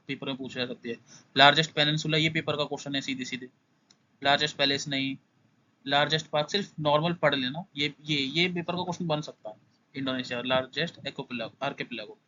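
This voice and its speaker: Young male tutor, quick casual lesson, bright edge, slightly muffled lo-fi sound. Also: a little high. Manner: brisk, skims through points, repeats "must know". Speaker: exam prep tutor. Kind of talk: casual exam-prep lesson.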